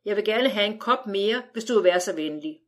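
A woman voicing a calm, stern father from the 1910s who speaks in a measured, dismissive way as she reads a storybook aloud. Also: medium pitch, close to an everyday voice.

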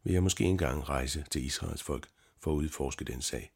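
A calm young scholar, read out by a man answers softly and reasons his way through each point in an audiobook. The voice is extremely low and husky. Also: heavily acted. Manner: gentle, measured and reasoning. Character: young male scholar, calm, gentle and steady. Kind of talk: audiobook reading.

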